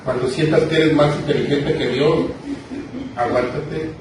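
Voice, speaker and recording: A man's voice: fairly high pitch, fairly even intonation, measured pace. A man preaching a sermon, telling the story with emphatic repetitions. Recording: echoey hall, distant mic, noisy.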